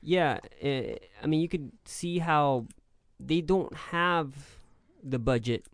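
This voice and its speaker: A man co-hosting a casual movie podcast, talking in a measured, explanatory way. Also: on the high side, no room sound. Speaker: podcast co-host.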